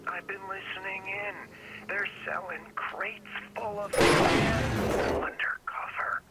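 An actor playing a jittery, eccentric male informant in a video game, speaking in a halting, conspiratorial, breathy voice. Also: high voice, steady tone, very noisy.

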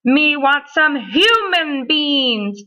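A woman's voice: high voice, very animated, bright, forceful tone, voice pushed up, exaggerated voice. A woman putting on the lima bean monster, bellowing. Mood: roaring. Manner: slow bellowing caveman grammar. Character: huge stinky clumsy male lima bean monster.

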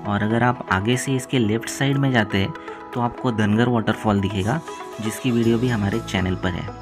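A man's voice: fairly low pitch, steady tone, normal speed, over music. Man narrating a rural travel vlog. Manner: guiding viewers with directions. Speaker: travel vlogger. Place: outdoors on rural roads and by waterfalls.

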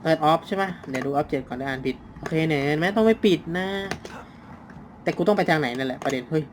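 Excitable man narrating a horror game. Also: on the high side, fast, a little hiss or hum. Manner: excitable, swears casually, talks to himself while playing. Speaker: gaming channel host. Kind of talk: let's play commentary.

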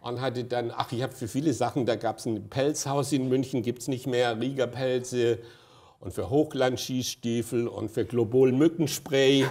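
This sixty-something festival director talks a little slowly, with a medium-pitched, steady, slightly mellow voice. As an interview guest on stage, he spins long anecdotes marked by hesitant fillers and chuckles.

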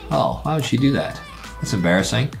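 A man hosting a gaming video, jokey and excitable, swinging from hushed mock dread to squeals. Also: mid-range voice, a little fast, creaky, faint music behind. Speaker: host.

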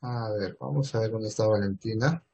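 A man's voice: on the low side, normal speed, vocal fry, mellow, slightly rough. A man with a Peruvian Spanish accent teaching math in an online class over a video call, asking questions and answering them himself. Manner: asks and answers his own questions.

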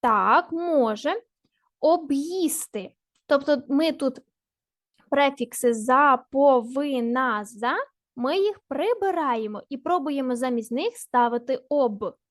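A woman teacher giving a recorded grammar lesson to children, slowly and deliberately spelling out the parts of each word. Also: high voice, expressive, dry recording, studio quality.

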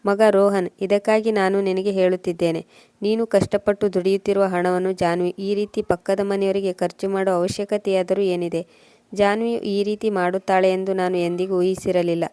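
A woman reads a concerned mother in a storybook, speaking earnestly. The voice is level and mellow. The sound is close and dry. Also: medium pitch, flat delivery, moderate pace, clear, resonant tone, dry recording, close to an everyday voice.

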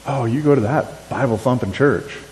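A man's voice: medium pitch, normal speed. A middle-aged man with an Upper Midwestern accent, giving a conversational sermon and asking the crowd questions. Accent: Upper Midwestern American. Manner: animated, asks the crowd questions, gestures while talking. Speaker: conference speaker. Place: church sanctuary. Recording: church hall with long reverb, faint hiss.

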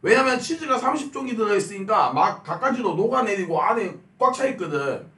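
High, lively man chewing while talking. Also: brisk, far from the mic. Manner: chatty, rambling food commentary. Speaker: mukbang streamer. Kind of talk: casual food review chat. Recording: echoey room, voice from off-mic.

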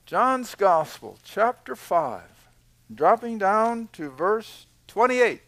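Male Bible teacher, folksy and chatty, fairly high voice, dry sound. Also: big pitch swings, a bit bright, no echo. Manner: folksy and conversational, slows for scripture reading. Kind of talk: informal Bible study teaching. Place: studio with small live audience.

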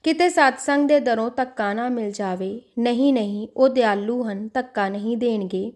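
A woman's voice: on the high side, moderate pace, a little mellow, lightly acted. A woman voicing a devout man who pleads with and scolds his own restless mind in an inner monologue. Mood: anxious.

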